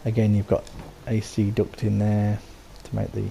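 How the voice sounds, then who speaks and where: In a casual voice-over about his game settlement build, a man speaks in a monotone at moderate speed, his low, gravelly voice made croaky by a sore throat. He rambles darkly and mellowly, full of ums and false starts, over a light hiss.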